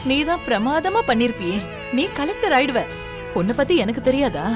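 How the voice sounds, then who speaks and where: A woman's voice: sits high, very animated, moderate pace. An actress playing an emotional middle-aged mother in a TV serial, pleading and anxious. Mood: eager. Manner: pleading and emotional, rising to distress. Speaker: mother of the heroine. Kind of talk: Tamil TV serial acting. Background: soap opera music score.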